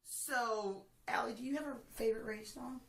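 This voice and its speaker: A woman hosting a music review, chatting casually and giving opinions in an emphatic, halting way that repeats phrases. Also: on the high side, vocal fry, a bit bright. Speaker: host of a music review video. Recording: roomy, distant mic, faint noise.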